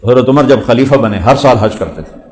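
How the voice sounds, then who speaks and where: Male preacher telling a story in a sermon, mid-pitched voice, big reverby hall. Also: expressive, darkish tone. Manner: dramatic storytelling, voicing the characters.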